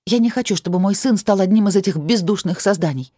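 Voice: mid-range voice, fast talker, warm tone, no room sound, studio quality, pitched above the performer's own voice, natural voice. A narrator voicing a fiercely protective young mother who talks urgently and indignantly.

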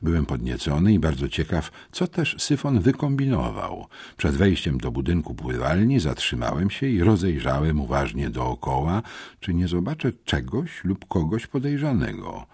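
A man narrating a children's adventure audiobook in an expressive, dramatic storytelling manner. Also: rumbling low, normal speed, husky, dry recording, studio quality. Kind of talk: scripted first-person storybook narration.

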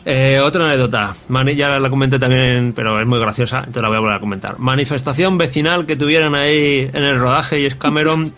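A man hosting a film podcast, relaxed, steering the chat with trivia and anecdotes. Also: medium pitch, a little fast, few pauses.

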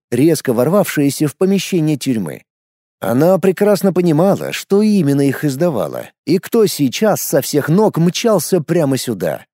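Male audiobook narrator, expressive fantasy reading, mellow tone, close and dry. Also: a little high, no echo.

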